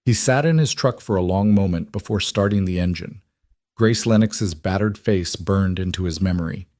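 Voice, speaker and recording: Guy narrating a drama story, lowish voice, dry close mic, steady. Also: moderate pace, no echo.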